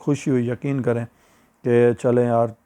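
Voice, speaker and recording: A man's voice: mid-range voice, flat delivery, a little slow, mellow, clear, resonant tone. A man with a Pakistani Urdu accent, a YouTuber giving casual, repetitive advice and talking to viewers as friends. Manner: chatty and advising, repeats points, speaks to viewers as friends.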